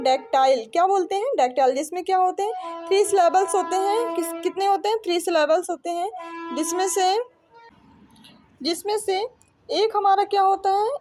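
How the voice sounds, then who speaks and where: A young Indian woman with a very high yet mellow voice teaches an exam-prep English lesson. She reads each question slowly, then keeps asking and answering her own questions. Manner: reads questions slowly, then explains in Hindi with repeated quiz-like questions.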